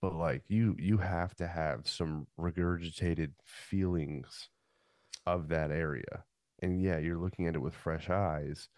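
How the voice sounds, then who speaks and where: A man with a very deep, low voice talks in a laid-back, casual way as a podcast co-host. His pitch barely moves, and the sound is close and dry. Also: steady tone, unhurried, a little mellow, no echo. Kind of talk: casual chat.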